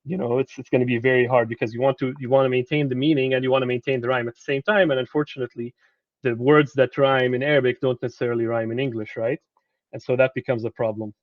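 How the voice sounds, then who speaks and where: A man gives a lecture to students in an easy, conversational tone. He often stumbles and repeats words while he looks for the right one. His voice is mid-pitched, and the recording is dry and a little dull. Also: little pitch movement, quick pace, no echo. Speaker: translator giving a presentation.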